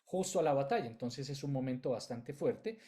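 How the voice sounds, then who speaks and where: A man's voice: medium pitch, animated, brisk, background noise. A man teaching an online class on film music, explaining in loose, chained phrases and addressing his students directly.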